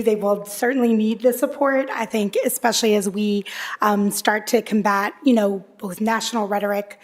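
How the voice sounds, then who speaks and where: A woman council member presiding at a meeting, speaking off the cuff in a conversational way with some fillers. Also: mid-range voice. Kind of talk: unscripted meeting remarks. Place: council chamber.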